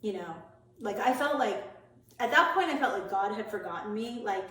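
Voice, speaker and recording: A woman tells her own story as a podcast guest, candid and chatty, full of casual fillers. Her voice sinks softer and lower as she recalls the hardest moments. The room is very echoey, and she sits well back from the microphone. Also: animated, normal speed. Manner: candid and chatty, with frequent "like" and "you know" fillers. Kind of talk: personal storytelling in a podcast interview. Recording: very echoey room, voice far from the mic.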